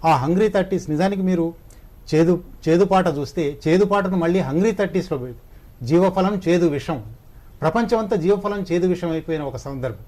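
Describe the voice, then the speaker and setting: A man speaking as a guest scholar in a discussion, giving a measured, lecturing explanation. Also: high voice, darkish tone.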